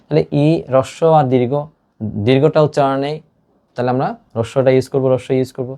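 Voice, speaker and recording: A man's voice: mid-range voice, flat delivery, fast talker, dark tone. A male teacher gives an online exam-prep lesson to his students. He explains step by step and mixes English words into his speech.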